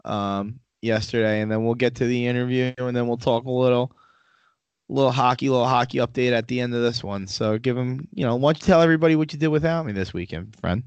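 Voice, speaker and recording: A man's voice: mid-range voice, quick pace, clean tone, dry recording, dull audio. A man co-hosting a podcast in casual chat, rambling and joking as he tells stories. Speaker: podcast co-host.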